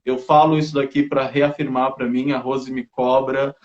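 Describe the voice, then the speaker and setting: A man's voice: mid-range voice, level tone, normal speed, darkish tone, roomy sound, dull audio. A man speaking earnestly in a casual live talk, searching for words and restarting as he reflects on himself.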